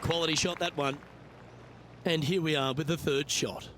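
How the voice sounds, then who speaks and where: A man playing a golf commentator in a video game, with measured sports broadcast delivery. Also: on the high side, steady tone, crowd noise, background noise, lightly acted. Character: composed male TV golf play-by-play commentator.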